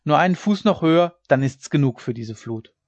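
A hot-tempered dike-reeve shouts his orders over the storm, all command and no patience, as a male narrator gives him voice. The storybook reading sounds slightly muffled and dry, without room echo, and the voice sits at an ordinary male pitch. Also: moderate pace, natural voice. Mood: urging. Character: stern, fiery dike-reeve on horseback, adult man. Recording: slightly dull lo-fi recording.

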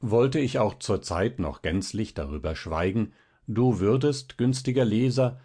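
Low, husky-voiced male narrator. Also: animated, mellow. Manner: measured, storytelling delivery. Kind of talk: audiobook reading of a classic tale.

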